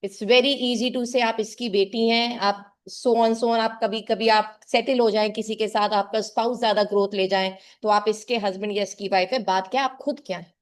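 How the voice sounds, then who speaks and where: A woman's voice: medium pitch, fairly even intonation, normal speed, few pauses. A middle-aged woman tutor giving an earnest motivational talk to her class and calling her students "child.". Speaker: tuition teacher.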